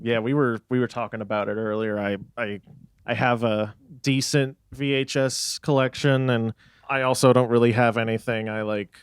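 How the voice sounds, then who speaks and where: A young Texan band member talks in a lowish, clear, resonant voice with no room sound. In this casual band interview he's relaxed and rambling, laughing easily and often.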